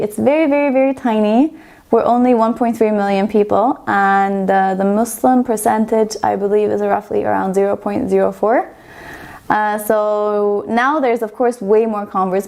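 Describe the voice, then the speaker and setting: A woman's voice: mid-range voice, gravelly, a little mellow. A young adult woman, telling her personal story to camera in a chatty, rambling, self-deprecating way. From Estonia. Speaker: vlogger.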